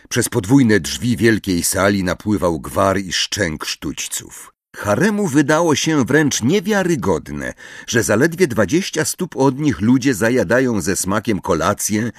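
Male audiobook narrator, low voice, expressive measured reading, dry close mic. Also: no room sound. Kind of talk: scripted narration.

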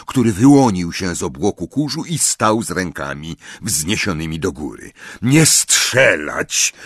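A man reading a fantasy audiobook aloud, with expressive storytelling narration. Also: low-pitched, no room sound, studio quality. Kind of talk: scripted narration.

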